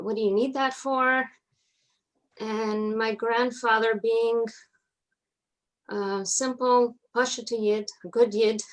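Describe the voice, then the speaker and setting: On a poor-quality recording, a medium-pitched woman tells stories about her family's past while being interviewed. Her accent is North American, and her roots span New York, Atlanta and Montreal; she keeps the telling relaxed and conversational.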